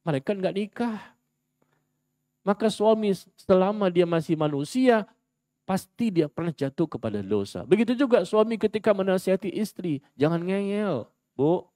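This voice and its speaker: A man preaches in a mosque with a fairly high voice and dry, close sound. He is lively and theatrical, playing out the voices he quotes. He questions the congregation directly. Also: normal speed, no echo. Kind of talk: sermon.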